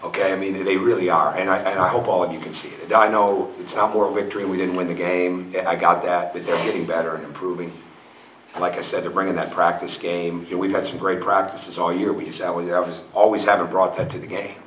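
A man's voice: low voice, steady tone, quick pace, a bit bright, slight background noise. A middle-aged man, a basketball coach, answering reporters frankly at a post-game press conference, often repeating and restarting his phrases. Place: press room in front of a logo backdrop. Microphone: table mic on a stand. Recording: roomy, picked up from a distance.

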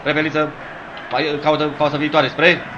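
A man commentating his own football video game match, yelling at his players and teasing them, hoarse from shouting. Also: a little high, monotone, lo-fi sound, slight background noise. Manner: yells at his players, rhymes and teases. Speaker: gameplay commentator.

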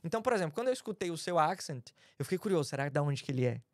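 A man from Brazil, a podcast guest, telling stories in a casual, animated, slangy way. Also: on the high side, racing, no echo, clean studio sound. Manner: animated, acts out quoted dialogue, slangy. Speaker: podcast guest, design lead. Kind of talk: casual storytelling chat.

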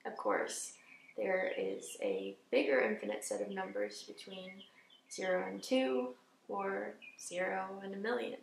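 A young woman acting a dramatic monologue as a grieving, tender young woman eulogizing her beloved, with halting, emotional delivery. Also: medium pitch, animated, vocal fry, a little hiss or hum. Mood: composed, fragile. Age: young adult. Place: indoor studio with dark backdrop. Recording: roomy echo, slightly distant mic.

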